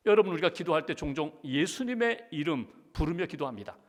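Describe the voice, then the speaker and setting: A man's voice: fairly high pitch, animated, fairly quick. A middle-aged man, a pastor, preaching a sermon with earnest conviction, at times pleading in prayer. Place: large church sanctuary. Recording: church hall reverb.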